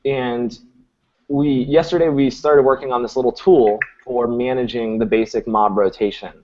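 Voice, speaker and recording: A man's voice: mid-range voice, normal speed, a little hiss or hum. Laid-back man hosting a live call. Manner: relaxed, thinks aloud with restarts. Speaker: host. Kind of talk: casual live stream chat. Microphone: video call. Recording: muffled lo-fi audio.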